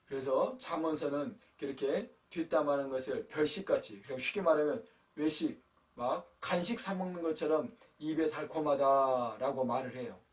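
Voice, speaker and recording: A man's voice: a little high, moderate pace, distant mic. A man preaching a sermon to teenagers as their pastor, telling a personal story in a conversational way and speaking to them directly. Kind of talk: youth sermon. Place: church sanctuary.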